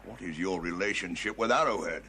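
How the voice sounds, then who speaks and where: Deep-voiced stern army sergeant. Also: male voice, brisk, bright, forceful tone, slight background noise. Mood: stern questioning. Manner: blunt, authoritative, interrogating. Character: stern, commanding middle-aged army sergeant, a father. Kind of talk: television period drama acting.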